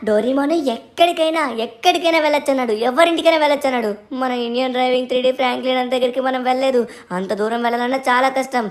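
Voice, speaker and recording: Give me a cheeky cartoon little boy, very high and quick. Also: fairly even intonation. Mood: eager.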